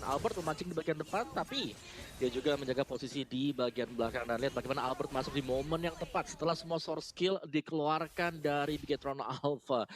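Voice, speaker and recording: Fast-talking male esports analyst. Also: medium pitch. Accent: Indonesian. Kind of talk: analytical game commentary.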